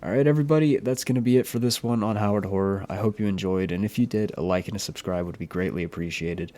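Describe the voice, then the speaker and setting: A YouTube horror storyteller with a warm, low-leaning voice talks fast as he narrates a true-crime story for his channel. His retelling is plain and earnest, with a few of his own opinions mixed in.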